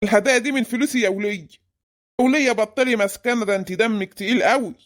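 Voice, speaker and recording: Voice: medium pitch, lightly acted. ممثل يؤدي زوج مصري بخيل سريع الكلام. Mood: grumbling. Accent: Egyptian. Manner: fast, scolding and nagging. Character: stingy middle-aged Egyptian husband, grumbling.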